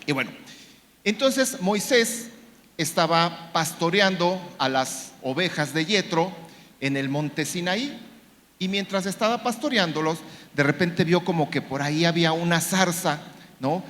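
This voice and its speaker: Preacher in a reverberant church. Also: male voice, fairly high pitch, fairly bright tone. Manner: storytelling, acts out quoted lines, frequent fillers and repeats. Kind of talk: sermon.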